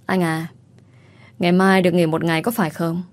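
A woman's voice: lowish voice, level tone, brisk, lightly acted. A woman voicing a coaxing young mistress. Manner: warm, coaxing.

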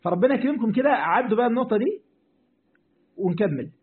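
Teaching Quran commentary, an Egyptian Arabic-accented sheikh speaks at a quick pace in a very high-pitched, animated voice. He addresses his audience directly, goes back over his points, and responds to their questions, all through a tinny phone-like recording.

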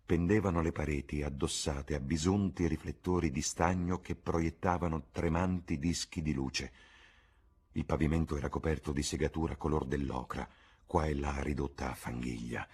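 Very deep, husky male audiobook narrator. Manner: slow, measured and dark storytelling. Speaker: audiobook reader.

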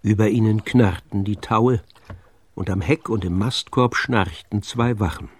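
A man narrating a children's adventure story in a calm, measured storytelling voice. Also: on the low side.

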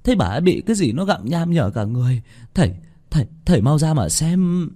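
A man's voice: on the high side, big pitch swings, warm tone, voice pushed up. A man voicing a frightened villager, urging others to hurry. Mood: urgent. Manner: urgent, hurried.

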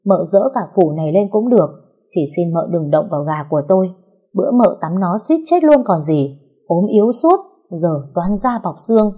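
Woman doing a gruff young husband, low, husky, exasperated, storybook. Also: lively intonation, brisk, warm tone.

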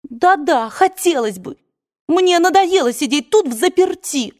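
A woman's voice: very high voice, lively intonation, a little slow, a little mellow, pitched above the performer's own voice. A woman voicing a wilful young widow who pleads and sobs, in an audiobook. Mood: pleading. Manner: pleading, sobbing, petulant.

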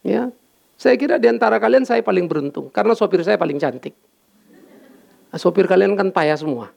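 A male pastor delivers a lively church sermon, bantering with the congregation and tossing in English phrases. His voice sits high and swings widely in pitch. A strong gravelly fry runs through his speech. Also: a little fast. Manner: animated, banters with congregation, mixes in English words.

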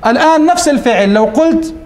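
A man's voice: very high voice, animated, fast, darkish tone, reverberant. A man teaching morphology, quizzing his students and answering himself. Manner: questions students and answers himself, repeats rules. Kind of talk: classroom lesson.

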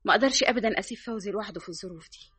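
An actress playing a loyal Egyptian wife in a radio drama, with an Egyptian Arabic accent. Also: female voice, medium pitch, racing, a bit bright, breathy edge, dry recording. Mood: devoted. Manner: pleading, soothing. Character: loyal devoted young wife Zeinat. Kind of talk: 1960s radio drama acting.

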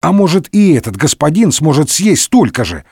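A man voicing a chatty male tavern patron marveling aloud, a little higher than his own voice. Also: sing-song, normal speed, darkish tone, slightly rough, no echo, clean studio sound, heavily acted. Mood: impressed.

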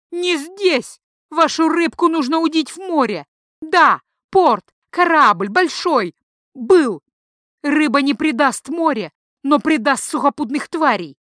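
A woman's voice: sits high, fairly bright tone, no room sound, studio quality, pitched above the performer's own voice. Woman doing a wild, flighty mad priestess. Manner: flighty, swings between coy and shrieking prophecy. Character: mad blind priestess woman, flirtatious and erratic.

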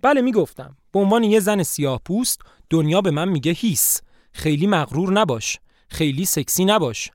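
A glamorous old grandma with a swaggering, lively delivery that rises and falls a lot, read out by a man. she's proud and declaims every line. the sound is close and dry, told like a storybook reading. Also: a little high, no room sound, close to an everyday voice.

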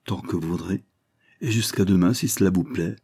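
Male reader doing a boastful French officer, husky, proud and quick to retort. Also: sits low, mellow, dry recording, clean studio sound. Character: boastful witty male French army captain.

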